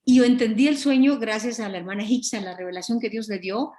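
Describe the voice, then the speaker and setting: A woman teaching a Bible study over a video call, earnest and animated, often correcting herself mid-sentence. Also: a little high, quick pace. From Guatemala.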